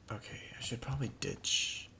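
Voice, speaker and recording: A young man hosting a gaming channel, telling a rambling, exasperated story in casual talk while he plays. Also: bright, forceful tone. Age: young adult. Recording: noisy, keyboard clicks behind.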